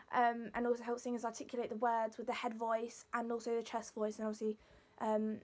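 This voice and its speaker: In a monotone, a little fast, and on the high side, a young woman explains her vocal warm-up exercises to camera. She's a singing student with a Leicester accent, keeping her explanation informal.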